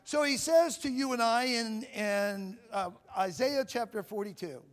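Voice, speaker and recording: Measured in pace but extremely high in pitch, a male preacher delivers a loud sermon that builds to shouting. He stumbles, repeats words, and asks the crowd "Amen?" over and over, all ringing through long church reverb with faint music behind.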